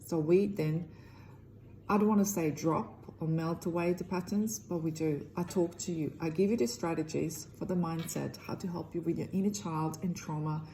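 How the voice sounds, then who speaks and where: A middle-aged woman with a Croatian accent talks earnestly to camera about her healing work. Her voice sits low and mellow, and her English is loosely phrased. A faint hiss runs underneath. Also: steady tone, normal speed, poor audio. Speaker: energy healer. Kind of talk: direct-to-camera self-promotion.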